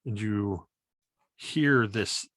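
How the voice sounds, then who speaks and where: A man's voice: lowish voice, very slow, fairly bright tone, no echo. A man narrating a tabletop role-playing game as game master.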